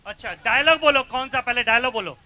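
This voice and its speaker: Very high, bright-voiced male emcee. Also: quick pace, slight background noise. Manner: energetic, mixes Hindi and English, cheers the crowd. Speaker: event emcee. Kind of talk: stage hosting. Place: outdoor festival stage.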